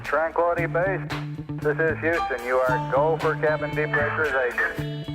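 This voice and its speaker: A man's voice: fairly high pitch, steady tone, normal speed. A man playing a mission control operator speaking over a walkie talkie style radio link, in clipped radio procedure. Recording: distant voice under loud music.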